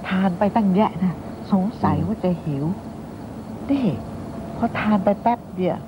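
An actress playing a fretful, kindly old nanny who scolds and fusses in a clucking way, in a TV drama. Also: female voice, medium pitch, unhurried, muffled recording, noisy background, close to an everyday voice. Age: older. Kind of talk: TV drama acting.

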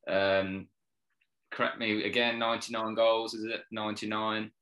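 Male host with a bright, forceful voice who stumbles over questions full of fillers. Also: on the low side, flat delivery, normal speed. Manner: hesitant, many fillers, constant agreeing. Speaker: interview host. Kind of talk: casual interview chat.

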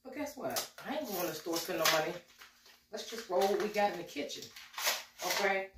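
Heavy background noise and roomy kitchen echo surround this woman's medium-pitched, expressive voice, which runs a little fast. In her forties and fighting a slight cold, she makes a casual, chatty cooking vlog at home, calling her viewers y'all, with the camera a few steps away.

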